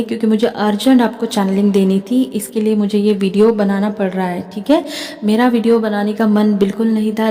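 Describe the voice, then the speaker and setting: A woman with an Indian accent shares spiritual guidance and dreams in a chatty talk to camera. Her voice is mellow and unhurried in tone, and it trails off into a long reverb. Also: mid-range voice. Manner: chatty, keeps adding "theek hai". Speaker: spiritual healer and tarot reader.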